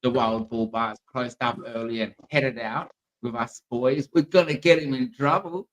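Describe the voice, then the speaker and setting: A man's voice: medium pitch, steady tone, normal speed, poor audio. A man hosting a livestream in a casual, chatty style. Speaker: livestream channel host. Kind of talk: casual chat. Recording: faint background noise on livestream.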